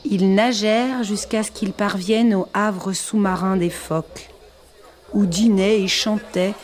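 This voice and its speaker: Slow, hushed woman telling a folk tale. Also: mid-range voice. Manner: soft, hushed, dreamy storytelling. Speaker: storyteller. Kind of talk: scripted narration of a folk tale. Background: background music.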